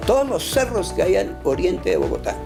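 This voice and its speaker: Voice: medium pitch, wildly swooping pitch, fairly quick, creaky. An expert explaining technical matters in a teacherly way, posing questions and checking understanding. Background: music.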